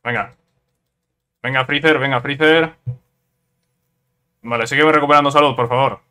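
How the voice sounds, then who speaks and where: Bright-voiced gaming commentator man. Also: mid-range voice, moderate pace, clear, resonant tone. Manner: excitable, repeats words in bursts, tag questions. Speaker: gameplay commentator. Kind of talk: casual let's-play commentary.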